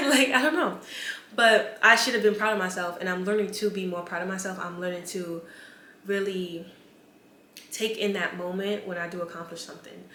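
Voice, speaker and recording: A woman's voice: mid-range voice, steady tone, normal speed, sharp tone, slight background noise. Chatty young woman in a roomy space. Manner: chatty, many "like" fillers, candid. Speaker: vlogger. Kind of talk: casual talk to camera. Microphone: camera mic. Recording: roomy with faint ambience.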